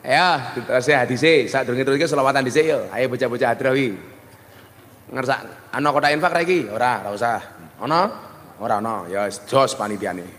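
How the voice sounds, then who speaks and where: Joking Javanese preacher with hall reverb. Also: male voice, medium pitch, fairly quick, a bit bright. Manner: joking, switches between plain talk and mock voices. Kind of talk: humorous sermon.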